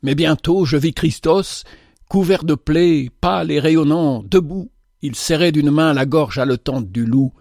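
A man narrates a literary tale in a measured, dramatic manner, his voice sitting slightly high for a man. He is miked close, and the sound is completely dry. Each sentence is delivered with storytelling weight. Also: a little mellow, no room sound.

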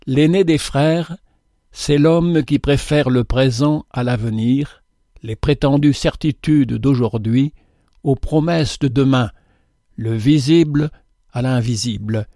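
A man reading a religious parable aloud in a measured, solemn way. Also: mid-range voice, mellow, no echo, clean studio sound. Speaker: reader.

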